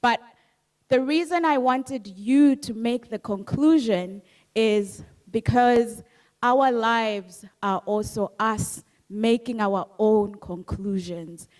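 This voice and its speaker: At a book club, a Zambian author who grew up speaking Bemba reflects earnestly on her book, returning to key phrases again and again. She has a mid-range, slightly mellow voice.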